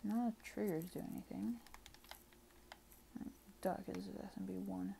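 Tired-sounding gravelly woman gaming. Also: mid-range voice, steady tone, a little slow, warm tone, a little hiss or hum. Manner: offhand, rambling, indifferent. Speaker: gaming channel creator. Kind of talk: casual gameplay commentary. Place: home room. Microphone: desk microphone.

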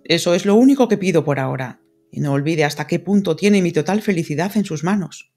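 A woman's voice: fairly low pitch, expressive, brisk, a little mellow, soft background music. A woman reading a grave, pleading English lord. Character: earnest lovesick English lord, adult man. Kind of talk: audiobook character reading.

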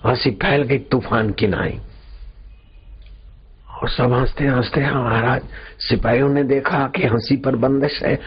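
A man giving a sermon, telling a religious story in slow, drawn-out phrases with dramatic pauses. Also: medium pitch, fairly even intonation, husky. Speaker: spiritual preacher. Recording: dull lo-fi recording, faint background noise.

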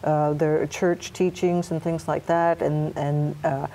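A middle-aged woman, a hospice nurse educator, answering interview questions in a soft, halting, hesitant way. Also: low-pitched, flat delivery, poor audio. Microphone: lapel mic.

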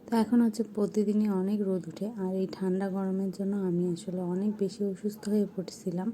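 A young woman narrating her home vlog in a soft, hushed voice-over. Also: medium pitch, level tone, quick pace, a little hiss or hum. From Bangladesh. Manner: soft, hushed talk so a sleeping child stays asleep. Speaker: vlogger.

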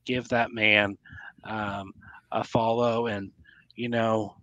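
A man's voice: lowish voice, flat delivery, takes it slowly, sharp tone, dry recording. Man rambling through a muffled mic. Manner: rambling, many ums, thanks guests. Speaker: podcast co-host. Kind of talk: casual chat. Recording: muffled lo-fi audio.

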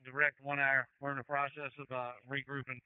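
A man's voice: mid-range voice, little pitch movement, a little fast, clean tone. A man giving terse, procedural orders as an incident commander over a crackly, military-style emergency radio. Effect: crackly two-way radio. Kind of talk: emergency radio dispatch traffic. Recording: phone-like crackly fire radio scanner audio.

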